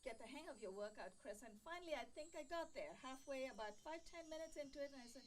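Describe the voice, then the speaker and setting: A woman hosting a yoga show in a TV studio, chatting warmly and encouraging viewers, laughing easily. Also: high-pitched, lively intonation, fast, far from the mic, a little hiss or hum. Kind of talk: friendly studio chat.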